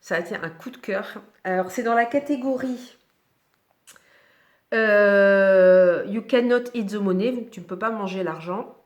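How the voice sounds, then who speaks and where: A woman's voice: mid-range voice, unhurried, dull audio. Chatty woman reviewing books, echoey room. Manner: chatty, hesitant with many fillers and restarts. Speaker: book vlogger. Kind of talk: casual book review chat.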